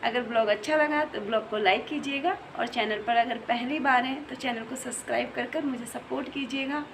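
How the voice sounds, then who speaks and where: Young woman chatting through her home vlog, a bit high voice, noisy room. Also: brisk. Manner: chatty, talks softly while child sleeps. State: unwell, pregnant. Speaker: vlogger. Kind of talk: casual home vlog narration. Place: home, kitchen and bedroom.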